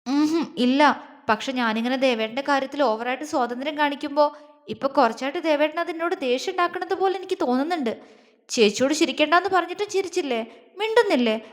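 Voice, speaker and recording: A woman's voice: high-pitched, natural voice. Woman voicing a tearful stammering young wife. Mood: hurt pleading. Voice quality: halting, stammering speech. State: crying.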